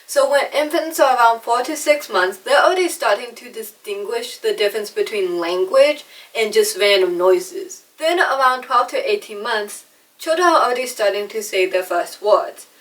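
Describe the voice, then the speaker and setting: In a personal storytelling vlog, a young woman raised in America after adoption from China jokes about her own speech, including a slight lisp and trouble with R sounds. Her fairly high voice is a bit bright and lively at a normal speed. The recording is rough, from a distant mic.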